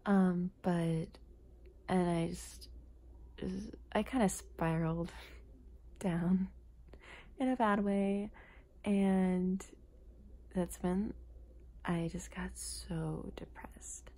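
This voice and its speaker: A soft-spoken woman doing casual ASMR talk in a dark, relaxed, slightly low voice. Her delivery is hushed and breathy, with plenty of creaky vocal fry. She often drops into a whisper as she chats. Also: very slow, pauses often. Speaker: ASMR content creator.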